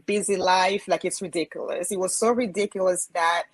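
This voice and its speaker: A woman's voice: fairly low pitch, fairly even intonation, moderate pace, no echo, rough recording. Earnest woman guest from Congo. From Democratic Republic of Congo. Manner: reflective and earnest, often adding a questioning "right?". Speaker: health and wellness coach. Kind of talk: interview guest telling her story.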